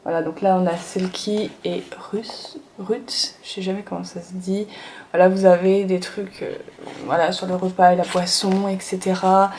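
Chatty young woman, warm voice. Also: fairly low pitch, little pitch movement, moderate pace, slight background noise. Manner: chatty, many fillers and "donc voilà". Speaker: manga vlogger. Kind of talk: casual manga haul video. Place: sunny room at home.

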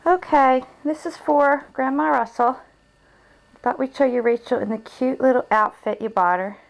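A woman's voice: high-pitched, moderate pace, gravelly, poor audio. A young woman filming her baby at home for the grandparents, coaxing the baby with repetitive sing-song baby talk on a handheld camcorder in a bedroom.

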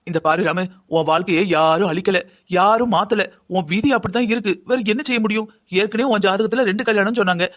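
A voice actor playing a calm, firm middle-aged mother in a cartoon drama, soothing but insistent. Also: medium pitch, fast, lightly acted.

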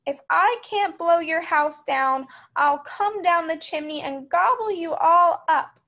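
Woman putting on a slow, growling big bad wolf. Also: high voice. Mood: furious. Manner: growling, drawn-out threats. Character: big bad wolf, hungry, menacing male villain. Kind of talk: children's storybook character voice.

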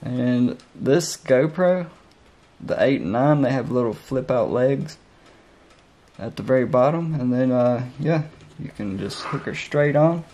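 A man's voice: mid-range voice, animated, a little slow, mellow, highs cut off. A man talking casually through a how-to vlog in a laid-back, folksy, plain-spoken way, using a mic mounted on a motorcycle helmet. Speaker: motovlogger. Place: indoors at a dining table. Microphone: helmet-mounted mic by the camera.

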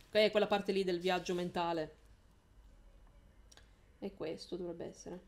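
A woman's voice: lowish voice, fairly even intonation, unhurried. A woman hosting a live stream, reading a novel aloud in a casual way, often correcting herself and laughing.

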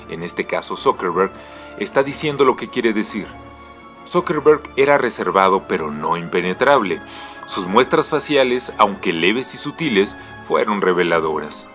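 Low-voiced man narrating a voice-over. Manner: measured, explanatory reading.

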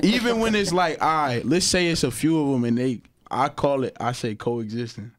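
A man's voice: mid-range voice, normal speed, a crowd in the background. A man in casual podcast banter, a laid-back storyteller who laughs often. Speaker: podcast guest.

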